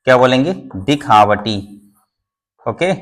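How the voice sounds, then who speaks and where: This Hindi classroom lesson features a man with a medium-pitched, animated voice who takes it slowly while teaching English words. He repeats each one, spells it letter by letter and quizzes his students.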